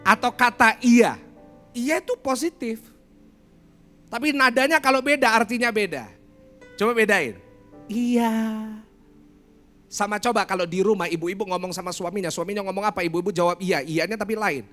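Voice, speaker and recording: A middle-aged man preaching a livestreamed sermon, animated, acting out different tones of voice. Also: high-pitched, brisk, soft background music. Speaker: pastor.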